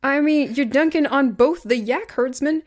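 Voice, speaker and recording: A woman's voice: high voice, normal speed. A woman co-hosting a casual podcast chat. She talks with a wry, sarcastic edge and jokes about what critics wrote. Her delivery stays loose and conversational. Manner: wry, sarcastic, reads critics' blurbs aloud. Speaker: podcast co-host.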